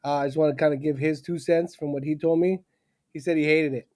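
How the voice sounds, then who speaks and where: Animated man with a mellow voice. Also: a little high, fast talker. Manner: animated, laughs often, acts out yelling at the screen. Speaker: podcast co-host. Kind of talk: casual podcast chat.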